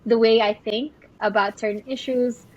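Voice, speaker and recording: A woman's voice: on the high side, fairly even intonation, moderate pace. A young woman from Bangladesh, a podcast guest speaking thoughtfully and casually, often restarting her sentences. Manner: thoughtful, frequent restarts and fillers. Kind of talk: casual interview conversation. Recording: dull, dry lo-fi sound.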